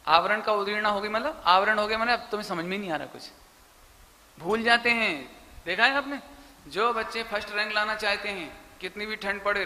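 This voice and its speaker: High, sharp-voiced man preaching in an echoey hall. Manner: animated, emphatic, addresses listeners directly. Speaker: Jain preacher. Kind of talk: sermon. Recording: echoey hall with faint noise.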